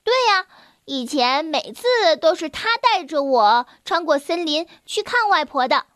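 A cheeky young girl from a children's storybook, voiced by a woman. She talks in a sassy, mocking way, high and lively. The sound is dry and close. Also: measured pace, no room sound.

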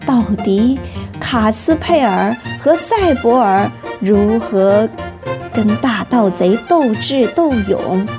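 Slow, expressive woman storyteller for kids. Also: fairly high pitch, over music. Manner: expressive, addressing children. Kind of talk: children's audiobook narration.

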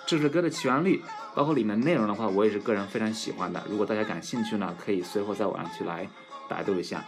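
Low-voiced man teaching pronunciation. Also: over music. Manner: slow drawn-out model words. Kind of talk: casual English pronunciation lesson.

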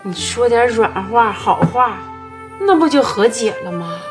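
一名女演员饰演一位苦口婆心劝人的大姐，操东北口音。. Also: female voice, on the high side, animated, measured pace, over music. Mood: coaxing. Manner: coaxing, lecturing. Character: motherly older-sister woman giving advice. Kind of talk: TV series acting.

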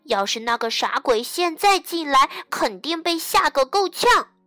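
A woman voicing a young, brave boy bunny who is excited and quick to cheer, in a storybook. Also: high-pitched, dry recording, soft background music, voice pushed up, full character voice. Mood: proud.

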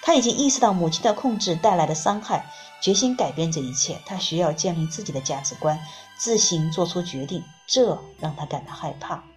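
A woman narrating a book in the first person, reading in a calm, measured way. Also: on the low side, soft background music. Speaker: audiobook reader.

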